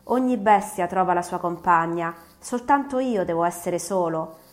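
A woman's voice: lowish voice, normal speed, close to an everyday voice. A woman voicing a bitter, vengeful male creature in an audiobook, declaiming his threats with force. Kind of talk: audiobook reading.

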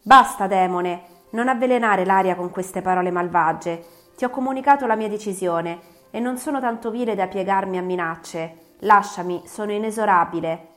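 A woman reading the lines of a resolute young male scientist in an audiobook, speaking loudly and firmly. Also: mid-range voice, moderate pace, faint music behind, natural voice. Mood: angry. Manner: loud, firm and defiant.

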